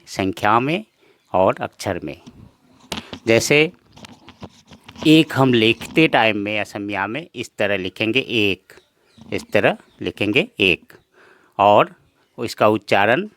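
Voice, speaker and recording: Slow, low-voiced man teaching a lesson. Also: fairly bright tone, dry recording. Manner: patient, repetitive, addresses viewers as friends. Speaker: language teacher.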